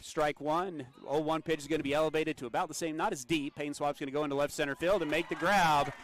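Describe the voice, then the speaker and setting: Man calling high school baseball on radio. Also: fast. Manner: steady play-by-play with easy laughs. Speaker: play-by-play announcer.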